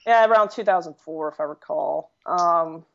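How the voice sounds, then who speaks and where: A woman chats on a casual podcast, excitable and quick to laugh, with swearing sprinkled through her talk. Her voice sits on the low side. The recording is dull and lo-fi. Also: gravelly. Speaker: podcast guest.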